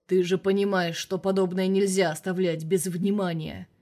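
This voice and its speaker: A gruff, hot-tempered police colonel barks down the phone, as a woman reader puts him on. His voice comes louder and forceful, blustering and scolding. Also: on the low side, little pitch movement, moderate pace, natural voice. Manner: loud, blustering.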